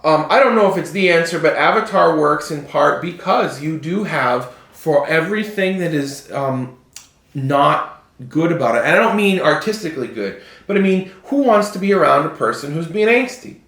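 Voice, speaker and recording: A man's voice: a little high, expressive, normal speed, a bit bright. Rambling man co-hosting, in a roomy echo. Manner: rambling, restarts sentences. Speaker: podcast co-host. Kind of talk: casual chat.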